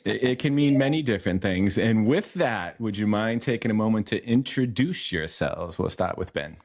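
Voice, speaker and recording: A man's voice: fairly low pitch, expressive, moderate pace, a little mellow. A man with a Northeastern US accent, hosting a podcast and quizzing guests in casual chat. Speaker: podcast host, quizmaster.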